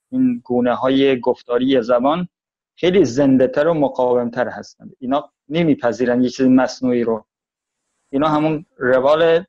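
A man from Tajikistan with a Tajik Persian accent, giving a thoughtful interview and slowing down to stress his points. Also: mid-range voice, mellow, lo-fi sound.

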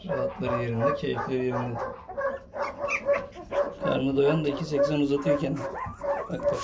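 A man's voice: fairly even intonation, moderate pace. A man filming his puppies at home, talking to them in affectionate, cooing baby talk. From Turkey. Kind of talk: casual vlog narration. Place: indoors with a litter of puppies. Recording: loud background noise, dogs yapping. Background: puppies yapping and squeaking.

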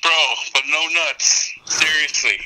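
Casual slangy guy on a speakerphone call, slightly raised pitch, smooth tone. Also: unhurried, bright, forceful tone, low-quality recording. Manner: laid-back and slangy, says "bro" a lot. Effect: heard over a phone speakerphone. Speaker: phone caller. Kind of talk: casual phone chat.

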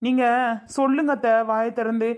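A woman's voice: a little high, fairly even intonation, a little fast, highs cut off, lightly acted. A woman playing a young son-in-law who begs his mother-in-law, repeating himself. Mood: pleading. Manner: begging, repetitive. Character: tearful pleading son-in-law, young man.

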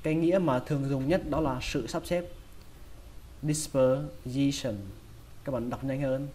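A man's voice: medium pitch, a little fast, a little mellow, a little hiss or hum. A man with a Vietnamese accent teaching English vocabulary, patiently repeating each word several times. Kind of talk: pronunciation lesson.

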